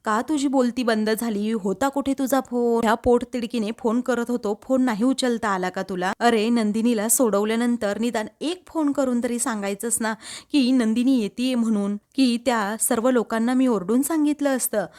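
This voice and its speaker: A woman's voice: a little high, moderate pace, few pauses, a little mellow, lightly acted. A woman reading the lines of an elder brother who defends himself, hurt and angry. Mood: hurt, defensive. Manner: pleading then angry, repeated questions.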